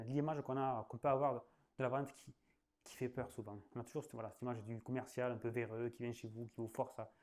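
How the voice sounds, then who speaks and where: A man in his late thirties from southwest France, with the region's accent, gives a casual spoken masterclass on sales. His mid-range voice is a little mellow, and his chatty, loose delivery is full of fillers and restarted sentences as he laughs at his own jokes.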